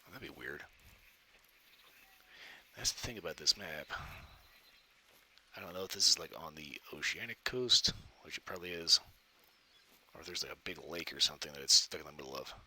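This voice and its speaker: A man's voice: low-pitched, brisk, long pauses, bright, forceful tone, breathy edge. A man giving casual, self-deprecating gameplay commentary as host, thinking aloud, with a cave-like echoey recording. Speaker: gaming video host. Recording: cave-like echoey sound, background noise.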